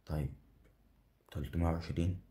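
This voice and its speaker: A young man with an Egyptian Arabic accent giving hyped commentary on his own betting game, repeating phrases and breaking into excited bursts. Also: sits low, a little fast. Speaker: betting channel host. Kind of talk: gambling live commentary.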